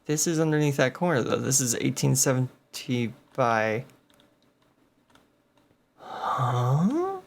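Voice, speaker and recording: A man's voice: mid-range voice, moderate pace, vocal fry, hardly any pauses. A man hosting a gameplay video, thinking aloud and muttering numbers as he plays. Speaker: game video host. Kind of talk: casual gameplay commentary.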